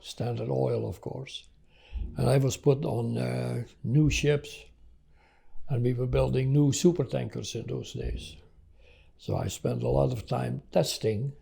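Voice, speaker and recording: A man's voice: mid-range voice, vocal fry, warm tone, breathy edge. An older man who grew up in Indonesia and the Netherlands, an engineering executive recounting his career in an interview with many uhs. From Indonesia, then the Netherlands. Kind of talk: interview storytelling.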